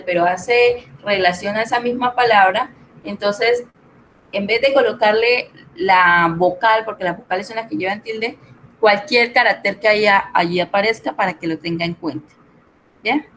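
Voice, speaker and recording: A woman's voice: mid-range voice, a bit bright, a little hiss or hum, poor audio. A middle-aged woman, tutoring an online spreadsheet class, explaining step by step and checking in with her students. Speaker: Excel tutor.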